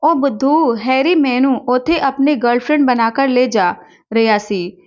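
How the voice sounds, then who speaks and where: A woman voicing a feisty young woman who talks low and irritably. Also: measured pace, a little mellow. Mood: annoyed. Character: feisty young woman, fiery Punjabi friend. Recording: dull lo-fi recording.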